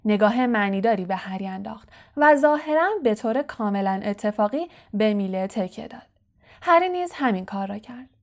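A woman reading a novel aloud as an audiobook narrator, steady and clear. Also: medium pitch. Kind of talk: scripted narration.

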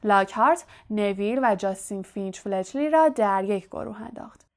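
A woman narrating a fantasy novel as an audiobook in an even, steady storytelling manner. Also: mid-range voice.

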